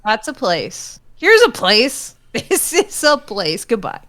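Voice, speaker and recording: High, giggly woman player. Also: huge pitch swings, slow, a bit bright. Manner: giggly, joking. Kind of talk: casual tabletop play.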